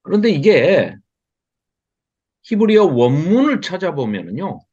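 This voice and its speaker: A man teaching an online Bible class over a video call, lively and expressive, often chuckling and putting questions to his class. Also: on the high side, measured pace, husky, highs cut off.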